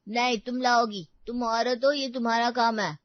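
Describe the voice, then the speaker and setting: A woman's voice: a little high, unhurried, dry recording, natural voice. A woman voicing a spoiled, demanding young boy in a cartoon who bosses his mother around. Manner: demanding, bratty. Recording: dull dry recording.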